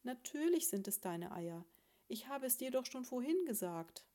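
A woman reading a storybook, voicing a prim, self-assured female sparrow who lectures her husband in a patronizing, gently scolding way. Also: on the high side, sing-song, moderate pace, pitched above the performer's own voice.

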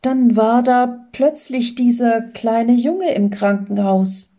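A woman voicing a gentle young wife in a storybook reading, speaking softly and tenderly. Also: a little high, slow.

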